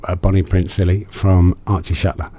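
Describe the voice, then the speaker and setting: A male radio host chats casually with a guest. His voice is on the low side and mellow, and he keeps the talk going with steady, brief acknowledgements. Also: normal speed, slightly rough. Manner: encouraging, frequent short acknowledgements.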